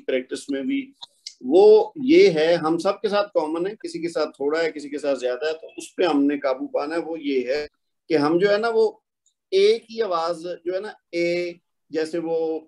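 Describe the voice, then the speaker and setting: A man whose first language is Urdu explains recitation rules to a student in a tutoring session. His voice sits a little high for a man, and his manner is patient and corrective, repeating each point. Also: a little mellow. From Pakistan or India. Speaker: Quran recitation teacher. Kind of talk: online tutoring lesson.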